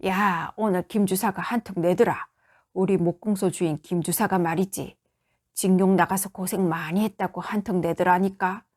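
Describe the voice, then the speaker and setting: A woman voicing a loud, drunk one-armed middle-aged father who scolds in a Gyeongsang accent. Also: on the low side, steady tone, normal speed, lightly acted. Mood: drunken scolding. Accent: Gyeongsang dialect. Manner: shouting, slurred scolding.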